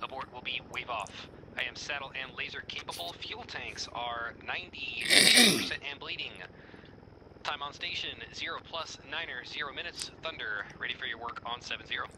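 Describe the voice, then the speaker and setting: A man's voice: medium pitch, animated, normal speed. A man making procedural, clipped aviation radio calls as a helicopter pilot in a military simulation game. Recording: clearly noisy vehicle background.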